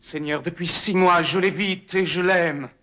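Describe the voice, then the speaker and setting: A man's voice: sits high, fairly even intonation, measured pace, bright, forceful tone, pitched above the performer's own voice. A man voicing an anguished male lover from a classical stage tragedy, with a declamatory, theatrical delivery. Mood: impassioned.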